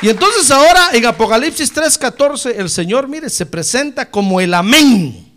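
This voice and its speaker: A male pastor preaching a sermon, telling stories and rising to shouted praise. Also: very high-pitched, animated, moderate pace, some chatter behind.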